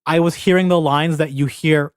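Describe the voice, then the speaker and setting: A young man co-hosting a podcast, chatting excitedly about a video game, swearing freely. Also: on the high side, clean tone, dry recording, clean studio sound. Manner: excitable, swearing, fast and animated. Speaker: podcast co-host. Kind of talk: casual gaming chat.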